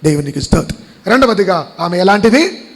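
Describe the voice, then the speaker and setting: A man's voice: high voice, big pitch swings, fairly quick, breathy edge, in a large hall. A man preaching a Sunday sermon in church, firing rhetorical questions at the congregation and repeating his phrases. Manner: quizzes the congregation. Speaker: pastor.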